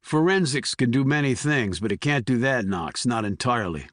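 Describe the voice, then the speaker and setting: A man's voice: mid-range voice, lively intonation, normal speed, fairly bright tone, no room sound, clean studio sound. A man voicing a terse, controlled male army investigator in an audiobook. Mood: suspicious.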